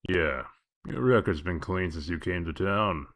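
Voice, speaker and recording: Man acting a deep, gruff, sardonic wolf detective, Bigby Wolf. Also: measured pace, a bit bright. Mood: sardonic, menacing. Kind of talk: comic dub voice acting.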